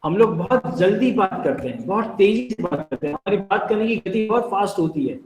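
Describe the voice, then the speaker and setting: Indian guy teaching telecalling, kinda high voice, talks to everyone like friends, echoey room. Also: expressive, a little fast. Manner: explains with everyday examples, addresses listeners as friends. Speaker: telecalling trainer. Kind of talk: training lecture.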